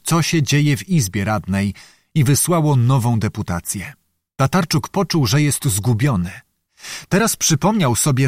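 Male audiobook narrator, dramatic historical reading, mid pitch, dry studio sound. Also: no room sound. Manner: measured, dramatic storytelling. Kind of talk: reading a historical novel aloud.

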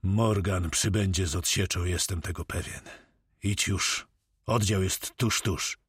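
A man's voice: deep voice, fairly even intonation, a little slow, slightly rough, no room sound, clean studio sound, exaggerated voice. A man voicing a grim pirate captain who gives firm commands. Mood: commanding.

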